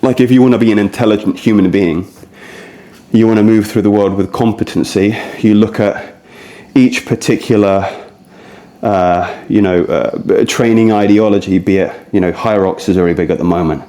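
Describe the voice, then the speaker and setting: Talking directly to viewers, this early-thirties man rambles in a relaxed way while guiding a core workout as a fitness vlogger. He has a lowish, warm voice at a moderate pace.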